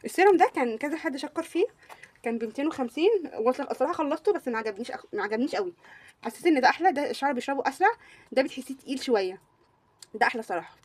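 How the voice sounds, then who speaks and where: A woman's voice: high voice, expressive, racing. A young woman with an Egyptian Arabic accent, gushing through a casual beauty product review and repeating words for emphasis. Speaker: beauty vlogger.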